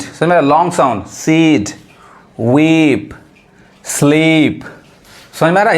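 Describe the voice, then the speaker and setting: A man teaching a lesson, asking questions and answering them himself and spelling out letters slowly. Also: mid-range voice. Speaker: English teacher. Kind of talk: classroom-style lesson explanation.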